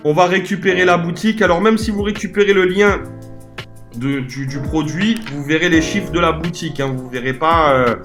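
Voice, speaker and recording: A man giving a casual screen-share software tutorial as an e-commerce coach. He talks informally and chattily, often hesitating and correcting himself as he goes. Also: a little high, moderate pace, faint music behind.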